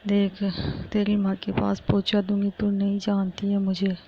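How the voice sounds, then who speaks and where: A woman's voice: mid-range voice, monotone, moderate pace, dark tone, a little hiss or hum, close to an everyday voice. A woman voicing a cruel stepmother who scolds and threatens a young girl, on a muffled lo-fi recording. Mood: harsh scolding.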